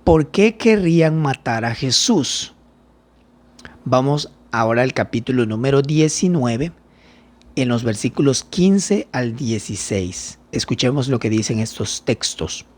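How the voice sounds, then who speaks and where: A man's voice: mid-range voice, lively intonation, unhurried. A man, a pastor, teaching a Bible study lesson, reading scripture aloud and explaining it with questions.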